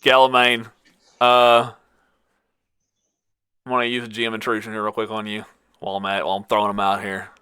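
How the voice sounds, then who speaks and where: Bright-voiced man running a tabletop game. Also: on the low side, brisk, pauses often, clear, resonant tone, dry recording, clean studio sound. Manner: relaxed, self-correcting, laughs easily. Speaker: game master.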